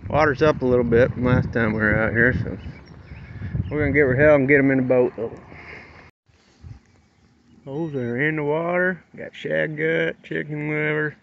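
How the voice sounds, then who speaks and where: Gravelly man chatting on a river boat. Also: on the high side, fairly even intonation, normal speed, dull audio, noisy background. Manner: folksy, plain-spoken. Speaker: fishing vlogger. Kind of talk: casual fishing commentary. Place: small boat on a river, outdoors.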